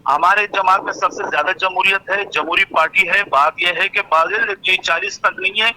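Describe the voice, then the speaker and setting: A man's voice: high voice, steady tone, sharp tone, slight background noise, low-quality recording. A male politician arguing insistently in a heated debate, repeating himself and talking over the host. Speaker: politician guest.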